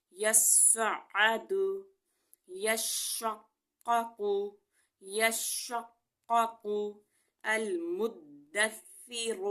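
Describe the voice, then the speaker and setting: A woman gives a recitation lesson for an online channel. She talks patiently through each sound at a mid pitch, then repeats the words slowly and clearly so they can be copied. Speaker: Quran recitation teacher.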